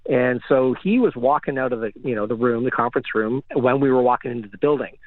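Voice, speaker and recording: A man's voice: medium pitch, quick pace, no echo. A man, a recording engineer guest, telling rambling stories full of fillers over a phone line. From Canada. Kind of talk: casual storytelling. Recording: tinny phone line, dry.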